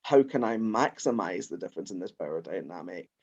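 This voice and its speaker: A man's voice: low voice, lively intonation, fairly quick, darkish tone, slightly rough. Thoughtful man, lo-fi podcast sound. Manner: thoughtful, rambling with restarts. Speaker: podcast co-host. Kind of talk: casual chat.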